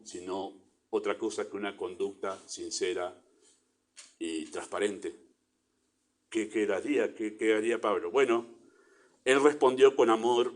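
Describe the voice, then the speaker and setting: A man's voice: lowish voice, a little hiss or hum. A man with a Rioplatense Spanish accent preaching a sermon in church, conversational, with little acted asides. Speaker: pastor.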